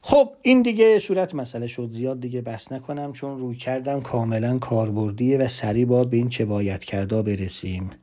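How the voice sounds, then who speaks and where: A man giving a lively motivational talk, emphatic, swinging between loud asides and hushed whispered lines. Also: medium pitch, hardly any pauses. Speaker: motivational speaker.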